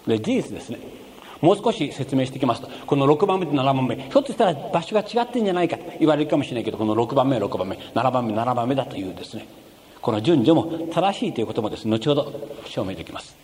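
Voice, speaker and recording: Animated man preaching in a hall. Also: medium pitch, fast, slight background noise. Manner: explains step by step, emphatic rises. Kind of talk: sermon with Bible reading. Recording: reverberant hall with faint ambience.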